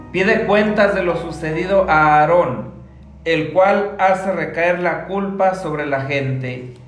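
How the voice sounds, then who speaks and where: Priest guy doing a solemn homily, really slow and formal, lots of echo on his voice. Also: a little high. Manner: measured, formal delivery. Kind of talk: solemn gospel reading and homily. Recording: echoey room, soft guitar music behind.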